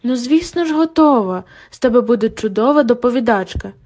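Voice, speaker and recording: A composed female professor from an audiobook, encouraging yet firm with her student, as a woman reader puts her on. The voice is a touch high. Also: lively intonation, brisk, darkish tone. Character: calm confident female academic supervisor.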